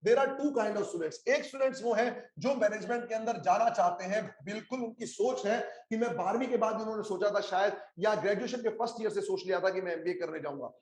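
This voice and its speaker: A man's voice: high-pitched, brisk, hardly any pauses, a little mellow. A man with an Indian English accent teaching a live online class, mixing Hindi and English and urging students to reply in the chat. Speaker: online exam coaching teacher.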